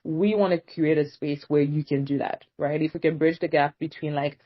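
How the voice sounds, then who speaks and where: A young Congolese woman speaking as an interview guest in relaxed casual conversation, often filling pauses with "um" and "you know". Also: deep voice. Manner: relaxed and chatty, with frequent fillers like "um" and "you know". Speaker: guest, nonprofit co-founder. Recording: dull lo-fi remote recording.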